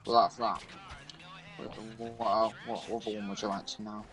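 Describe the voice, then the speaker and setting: A man's voice: lowish voice, flat delivery, a bit bright, rough recording. A man on a gaming podcast who reads an urban legend article aloud while playing, often stumbling and restarting his words. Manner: halting reading with frequent stumbles and restarts. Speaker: podcast co-host.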